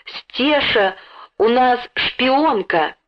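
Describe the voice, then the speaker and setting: A woman voicing an excitable, quick-tempered young schoolboy in a storybook, with shrill outbursts. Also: heavily acted. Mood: sobbing. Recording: dull lo-fi recording.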